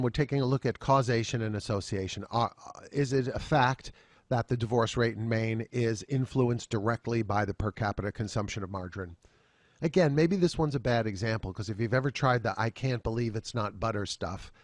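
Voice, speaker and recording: A man's voice: on the low side, no echo. A man lecturing at a continuing education seminar, walking through slides and dropping dry joking asides.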